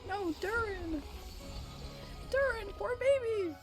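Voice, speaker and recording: Over background game music, a young female streamer swears, complains and chats bluntly while commenting on her game. Her very high voice moves slowly with lively intonation.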